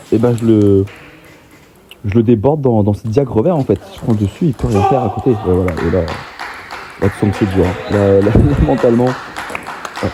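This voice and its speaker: A young man talking over his own table tennis match, excitable and self-mocking. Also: fairly low pitch, noisy background. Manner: excitable, self-mocking, laughs often, swears casually. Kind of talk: casual match commentary voice-over.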